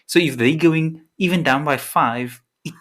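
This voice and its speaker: A man's voice: fairly high pitch, unhurried, a bit bright. A South African man co-hosting a casual tech podcast, rambling through points with hesitant restarts.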